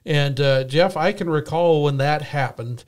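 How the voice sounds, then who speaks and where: Easygoing Midwestern male host, higher voice. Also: unhurried. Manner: relaxed, rambling with fillers. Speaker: show host. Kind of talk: casual interview chat.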